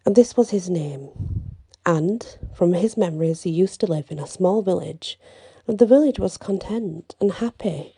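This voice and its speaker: A woman with a fairly low voice softly reads a bedtime story ASMR-style, breathy and slipping into whispers as she lingers between short phrases. The recording has no echo.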